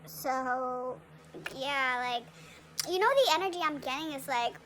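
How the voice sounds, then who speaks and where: High-voiced young woman reading tarot. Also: lively intonation, a little slow, a bit bright, a little hiss or hum. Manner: chatty, many fillers and tag questions. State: talking with a retainer in her mouth. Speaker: tarot reader.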